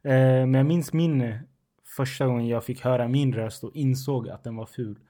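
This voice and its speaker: A man in his twenties with a suburban Stockholm accent, co-hosting a casual podcast and telling stories about himself. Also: mid-range voice. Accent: Stockholm suburban Swedish. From Sweden, near Stockholm. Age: 20s. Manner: animated, self-mocking storyteller. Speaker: podcast co-host. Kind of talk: casual chat.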